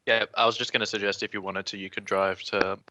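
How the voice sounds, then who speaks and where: A man's voice: fairly low pitch, flat delivery, fast talker, sharp tone, dry recording, highs cut off. A man running a tabletop game over voice chat, easygoing and hesitant with fillers. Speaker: game master.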